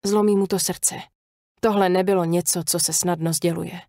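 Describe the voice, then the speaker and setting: A woman narrating a thriller audiobook in a measured, even storytelling voice. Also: lowish voice, dry recording, clean studio sound.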